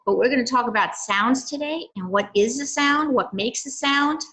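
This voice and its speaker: Older female library presenter, bright and slightly high, gentle kid-friendly explainer. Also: moderate pace, rough recording. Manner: gentle, explaining with frequent "okay" and "right". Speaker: library science program leader. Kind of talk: children's science lesson.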